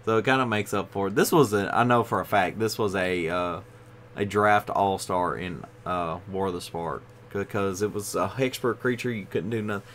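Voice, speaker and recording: A man's voice: lowish voice, moderate pace, a bit bright, a little hiss or hum. A man hosting a casual card review video, tired and yawning as he rambles along with frequent fillers. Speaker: card game video host.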